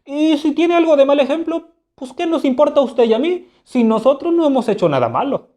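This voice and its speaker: A sly young prince who mocks those around him, as a narrator puts him on. His voice jumps up high and bright with teasing energy, while the underlying tone stays mellow. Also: animated, fairly quick. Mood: excited. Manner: raised, playful, taunting. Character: young prince, sly and mocking, feigning madness.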